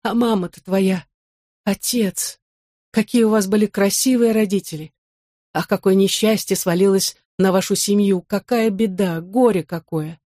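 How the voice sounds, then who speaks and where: A woman voicing a tearful, fussing older hostess with high, wailing exclamations in a storybook reading. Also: fairly even intonation, normal speed, mellow, no room sound, clean studio sound, natural voice. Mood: effusive.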